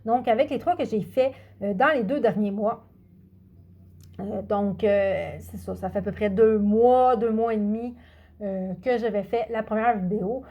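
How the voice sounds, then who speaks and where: A woman's voice: mid-range voice, unhurried, lo-fi sound. A woman, vlogging casually to camera, chatty and hesitant as she hunts for words. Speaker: coloring channel vlogger. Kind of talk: casual vlog talk to camera.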